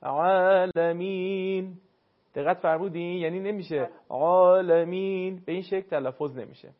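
A man teaching Quran recitation to a caller, courteous and explanatory, sounding words out slowly to demonstrate. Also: on the high side, phone-quality sound. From northern Iran. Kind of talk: call-in recitation lesson.

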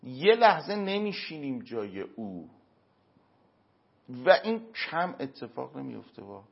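A man answering as an interview guest, giving earnest moral and religious advice through everyday examples, with emphatic pauses. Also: mid-range voice, very animated, gravelly, slightly rough. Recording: dull lo-fi recording.

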